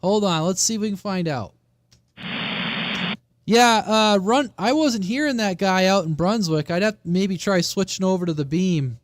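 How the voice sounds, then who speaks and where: A man's voice: high voice, moderate pace, a little hiss or hum. A man chatting casually and bluntly as a radio operator hosting a live channel.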